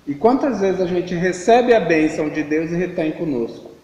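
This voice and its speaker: High-voiced man musing in a church. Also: expressive, moderate pace, darkish tone. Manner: reflective, rhetorical questions. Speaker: church speaker. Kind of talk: sermon reflection. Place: church hall. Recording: echoey church hall.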